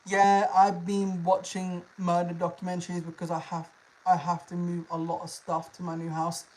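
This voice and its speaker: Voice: medium pitch, monotone, moderate pace, a little mellow, poor audio. A livestream host, chatting casually in an informal, slangy, sweary way and often repeating phrases. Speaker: livestream host, animal content creator.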